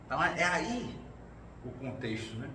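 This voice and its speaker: With a fairly high, bright, forceful voice that swings widely in pitch, a man speaks at a moderate pace in an informal talk at a spiritual gathering. He relates his own experiences conversationally, acting out the voices of people he quotes. The hall is roomy, the mic distant, the noise faint.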